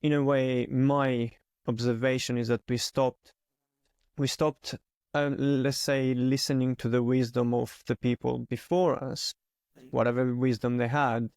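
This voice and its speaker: A man's voice: mid-range voice, flat delivery, a little slow, darkish tone, smooth, no room sound, clean studio sound. A man from Greece, hosting a podcast interview and reflecting thoughtfully. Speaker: podcast host.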